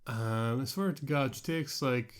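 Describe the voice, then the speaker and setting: Speaking at a measured pace in a clear, resonant mid-range voice, a man with an Irish accent co-hosts a podcast. His talk wanders casually and amusedly, often trailing off partway through.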